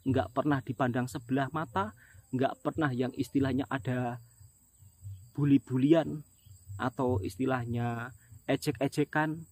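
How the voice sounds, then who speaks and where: A man's voice: medium pitch, fairly even intonation, measured pace, long pauses, darkish tone, slightly rough, no echo. A middle-aged man from Indonesia, a migrant laborer and vlogger, talking earnestly to his viewers and often calling them his friends. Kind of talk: casual monologue to viewers.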